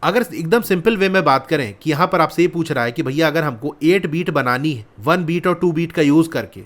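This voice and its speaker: A man's voice: a little high, animated, brisk, fairly bright tone. A man teaching a maths lesson, explaining patiently step by step and asking questions, reading lines. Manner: patient, repeats steps and asks questions.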